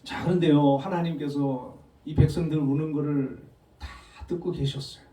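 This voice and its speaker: A male pastor giving a Sunday morning sermon in a conversational, animated storytelling manner with frequent chuckles. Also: a little high, normal speed. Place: church sanctuary. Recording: echoey hall, voice from a distance.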